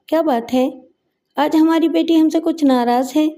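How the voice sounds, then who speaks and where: A woman's voice: high voice, mellow, voice pushed up, close to an everyday voice. A woman reading the part of a doting but stern father in a story, scolding in her own voice. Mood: coaxing.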